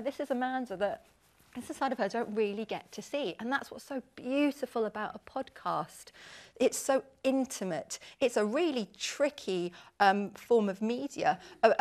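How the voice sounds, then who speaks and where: A woman in her forties, a podcast host speaking on a panel at an industry event, talking earnestly and with animated emphasis. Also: mid-range voice. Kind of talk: candid panel discussion.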